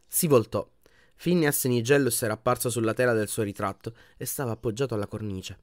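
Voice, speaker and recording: A man narrating an audiobook in an expressive reading voice that often drops to a hushed tone. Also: medium pitch, a little fast, dry recording, clean studio sound. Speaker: audiobook reader.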